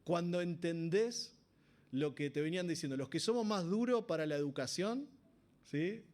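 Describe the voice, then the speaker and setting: A man's voice: fairly high pitch, normal speed, darkish tone. A man with an Argentine Spanish accent preaching a sermon in a church, talking conversationally and often asking the congregation rhetorical questions.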